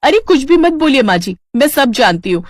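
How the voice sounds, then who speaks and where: A woman voicing a vain, touchy young daughter-in-law in a storybook tale, with a shrill, excitable way of talking. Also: a little fast, no echo, studio quality, close to an everyday voice. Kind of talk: storybook character voice.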